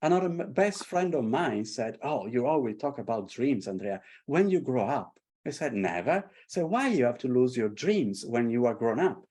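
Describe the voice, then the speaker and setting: Talking casually in London, this artist and tarot creator from Italy spins animated, passionate stories. He's middle-aged, with a strong Italian accent and a mid-range voice that moves at normal speed with few pauses.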